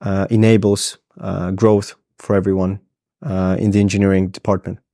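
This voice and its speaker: A man's voice: deep voice, little pitch movement, normal speed, warm tone. A man in his thirties hosting an interview podcast, asking long rambling questions with many fillers. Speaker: podcast host. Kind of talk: casual interview.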